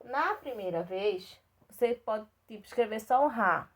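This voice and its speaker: A woman's voice: on the high side, expressive. A woman with a Brazilian Portuguese accent teaching a class of young children, patiently spelling out syllables and checking that they follow. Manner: patient, repeats and checks in with "tá certo?"; spells out syllables slowly and clearly. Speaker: primary school teacher. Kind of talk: recorded remote lesson for young children.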